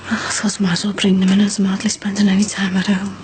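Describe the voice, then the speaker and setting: An actress plays a caring woman who speaks in hushed, sympathetic tones at a middle pitch. Steady background noise runs under her. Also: fast talker, lightly acted. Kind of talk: soap opera acting.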